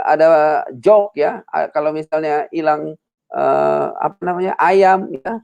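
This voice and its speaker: A man preaching a sermon in a casual, animated way, tagging nearly every phrase with "ya" and swinging between low murmurs and high emphatic bursts. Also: gravelly, slight background noise.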